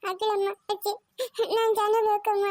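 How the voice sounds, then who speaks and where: A woman's voice: extremely high pitch, level tone, moderate pace, darkish tone, no room sound, studio quality. Woman voicing a whiny little cartoon boy. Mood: pleading. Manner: whiny, repetitive pleading. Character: small whiny little boy, clingy and tearful. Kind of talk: cartoon voice acting.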